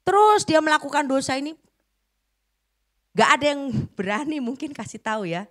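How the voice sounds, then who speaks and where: A middle-aged woman preaching a sermon, telling a story dramatically and swinging between loud bursts and hushed lines. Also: high-pitched, very animated, moderate pace.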